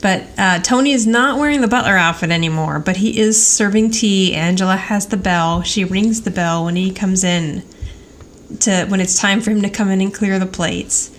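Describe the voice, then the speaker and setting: Speaking at a normal speed in a mid-range voice, this woman co-hosts a podcast and casually recaps a TV rewatch. She's chatty and performs bits of dialogue while retelling, and the recording has no background noise.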